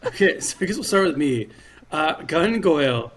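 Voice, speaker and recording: A man's voice: a little high, sing-song, normal speed, a bit bright, breathy edge. A man co-hosting a podcast in casual chat, rambling, laughing often and swearing casually. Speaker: podcast co-host.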